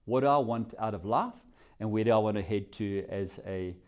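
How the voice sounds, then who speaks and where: A man's voice: on the low side, normal speed, highs cut off. A South African man answering interview questions, telling his story in a reflective, rambling way. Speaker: company CEO, guest.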